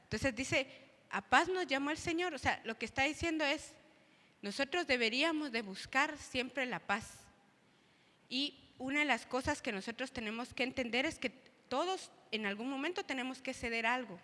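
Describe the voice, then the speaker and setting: A woman's voice: high voice, normal speed, pushed and bright, in a large hall. A woman co-presenting at a church service, speaking thoughtfully and often checking in with the listeners. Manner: thoughtful, frequent tag questions. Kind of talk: reflective church talk.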